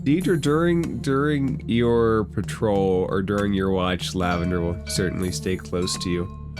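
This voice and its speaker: Running a tabletop game as dungeon master, a man speaks in a low voice at a measured pace while loud music plays in the background.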